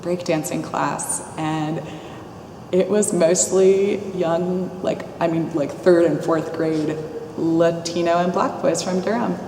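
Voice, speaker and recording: A woman's voice: on the low side, fairly even intonation, takes it slowly, mellow. A woman, a dance teacher, reflecting in an interview and searching for words as she thinks aloud. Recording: echoey hall, distant, noisy.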